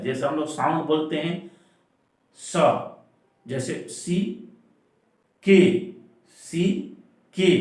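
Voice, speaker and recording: A man's voice: fairly high pitch, darkish tone. Echoey, distant male teacher explaining a word. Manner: repetitive, asks and answers own questions; stresses words by repeating them slowly. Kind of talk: classroom-style explanation. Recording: very echoey room, distant mic.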